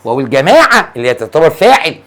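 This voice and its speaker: A man's voice: fairly high pitch, big pitch swings, racing, a bit bright. A man with an Egyptian Arabic accent teaching grammar, acting out student questions and answering them himself, stretching key words for emphasis. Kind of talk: lively classroom explanation.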